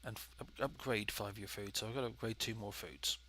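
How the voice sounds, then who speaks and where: A man narrates his gaming casually, rambling through his choices as he thinks aloud. His voice is on the low side with a bright, forward edge, thick and nasal from a head cold. There is noticeable noise behind him. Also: fast talker. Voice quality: nasal, congested. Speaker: gaming video host. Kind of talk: casual let's play commentary.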